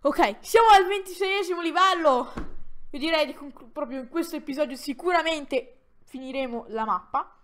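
A woman commenting on her own Minecraft play for viewers, excitable and given to dramatic exclamations while talking straight to the audience. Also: sits high, normal speed. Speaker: gaming YouTuber.

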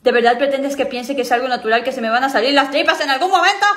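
A woman's voice: sits high, fast talker, fairly bright tone. A woman playing a frantic, dramatic little girl. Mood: panicky. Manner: frantic, whiny, giggly.

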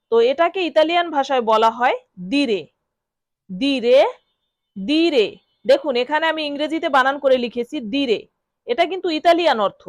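A woman with a Bengali accent, teaching a vocabulary lesson and repeating each word slowly for learners to copy. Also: high-pitched, dry recording. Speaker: language teacher. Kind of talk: instructional lesson.

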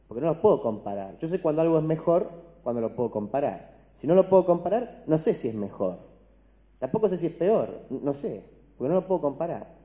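A man's voice: on the high side, warm tone. A man with an Argentine Spanish accent giving a philosophy lecture. He speaks conversationally, often checks in with "¿no?" and restarts his words. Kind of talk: university-style lecture to a large audience. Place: large lecture hall. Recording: long hall reverb.

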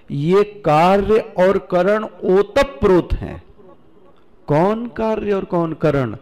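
A man's voice: fairly high pitch, a little mellow. A man from India, a swami, giving a scripture discourse to listeners, asking rhetorical questions and answering them himself, and drawing out Sanskrit verses. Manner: slow, drawn-out recitation of Sanskrit; addresses listeners directly, teacherly.

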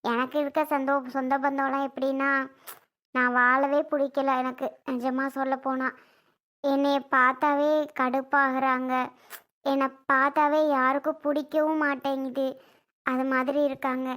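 A woman voicing a grieving mother who speaks slowly and quietly in a family drama skit. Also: sits high, little pitch movement. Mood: sad, hopeless. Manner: slow, subdued and tearful. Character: grieving widowed mother, soft and weary.

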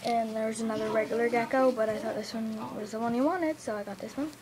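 A woman records an eager, rambling video message for a friend, full of fillers and soft whispered asides. Her voice sits fairly high but stays level in pitch. Clear background noise from music and family talk runs under the home camera recording. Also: fast. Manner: chatty and excited, many fillers, drops to a whisper at times. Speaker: vlogger. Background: background music and family talking.

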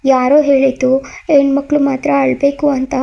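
A woman's voice: high-pitched, little pitch movement, normal speed, creaky, highs cut off. A woman voicing a heartbroken young man who pleads and hesitates, in a story reading. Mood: tearful pleading.

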